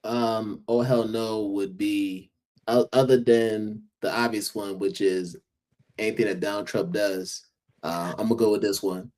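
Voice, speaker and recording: A man with an American accent, a guest educator on a podcast, speaking in an earnest, measured way. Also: lowish voice, fairly even intonation, darkish tone. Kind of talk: casual podcast chat.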